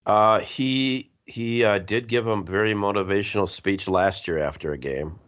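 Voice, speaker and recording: A middle-aged man co-hosting a sports radio chat, hoarse from being sick, rambling and joking. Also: on the low side, normal speed, a bit bright. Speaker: co-host. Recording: muffled lo-fi audio.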